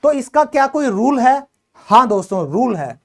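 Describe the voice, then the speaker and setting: A man's voice: extremely high pitch, sing-song, moderate pace. A man teaching English phonics, explaining in Hindi, praising and quizzing his students as he goes. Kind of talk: classroom phonics lesson.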